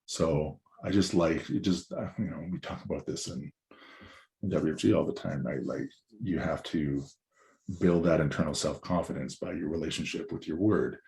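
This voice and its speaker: Dropping to an extremely low pitch with a darkish tone, this hoarse, raspy-voiced man in his forties, a guest musician, chats casually at normal speed. He wanders from point to point and swears here and there.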